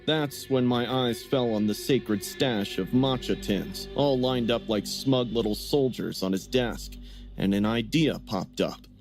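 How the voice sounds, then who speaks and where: A man narrating a first-person story in a scripted, even telling. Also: medium pitch, measured pace. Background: music.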